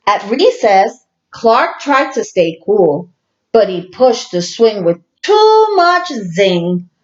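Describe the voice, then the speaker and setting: Slow, lilting woman reading a storybook. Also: medium pitch, very animated, muffled recording. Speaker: teacher reading aloud. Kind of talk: children's storybook read-aloud.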